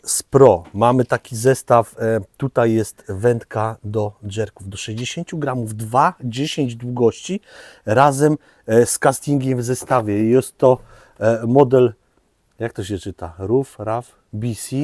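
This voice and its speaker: A man's voice: mid-range voice, unhurried, darkish tone, no room sound. A man hosting a fishing shop video in casual chat, joking and loose with fillers, with a Polish accent. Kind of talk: casual product presentation.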